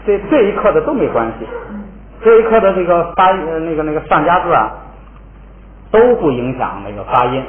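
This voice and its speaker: A man's voice: on the high side, sing-song, brisk. A male language teacher giving a recorded spelling lesson, patiently repeating syllables for students to read along. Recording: tinny, echoey, lo-fi recording with faint hiss.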